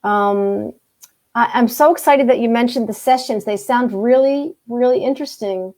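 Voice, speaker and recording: This is a woman hosting a casual group call, and her voice sits somewhat high. She sounds excited and repeats her points, slipping in light jokes. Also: moderate pace. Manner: enthusiastic, repetitive, joking. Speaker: host.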